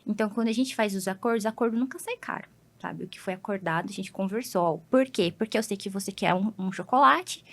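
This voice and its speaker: A woman psychologist with a Brazilian accent, patiently explaining things with everyday examples as a podcast guest. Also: on the high side.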